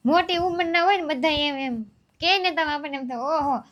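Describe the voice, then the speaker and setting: High-voiced village woman telling her story. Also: fairly quick, a bit bright, lo-fi sound. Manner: rambling, homely, repeats herself. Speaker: vlogger. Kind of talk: casual storytelling.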